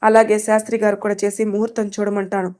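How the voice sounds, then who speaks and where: A woman's voice: mid-range voice, little pitch movement, fast, darkish tone, natural voice. A woman voicing a fond, decisive storybook father. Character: affectionate middle-aged father, decisive.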